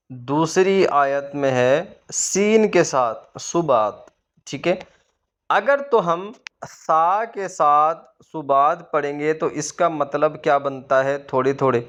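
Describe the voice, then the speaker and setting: A man's voice: fairly high pitch, smooth, highs cut off. A man teaching Quran reading to beginners, patiently asking questions and then answering them himself. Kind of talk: explaining a lesson to beginners.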